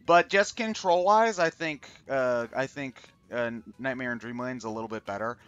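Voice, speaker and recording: A man hosting a gaming stream with casual commentary, talking in a rambling, halting way and often correcting himself. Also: medium pitch, a bit bright, smooth, lo-fi sound. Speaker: host of a charity gaming stream. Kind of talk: casual video game commentary. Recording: game music behind the voice. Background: video game music.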